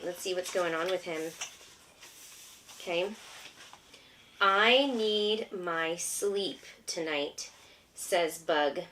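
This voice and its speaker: A homeschooling mother reads a picture book aloud to her young child, asking patient, encouraging, simple questions. Her voice is fairly low in pitch and fairly bright, with slight background noise.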